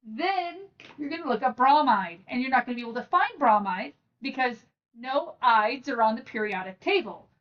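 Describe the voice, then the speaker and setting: Speaking straight to the listener, a channel host and teacher with a fairly high voice leads a lesson one step at a time in a relaxed, supportive manner. She was recorded from a distance, so the audio comes across slightly dull.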